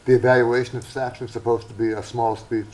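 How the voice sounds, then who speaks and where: A man's voice: medium pitch, flat delivery, quick pace, a little mellow, rough recording. A man hosting a speaking club show and telling a joke in a folksy storytelling way. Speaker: host. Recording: faint background noise.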